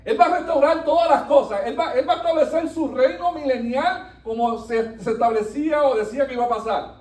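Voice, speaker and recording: A man with a high, mellow voice preaches a sermon, rising to emphatic peaks and dropping to quiet passages. He sounds set back from the microphone in a reverberant church. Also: fairly quick. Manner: animated preaching, wide swings from soft to emphatic. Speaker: pastor. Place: church sanctuary. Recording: echoey room, voice from a distance.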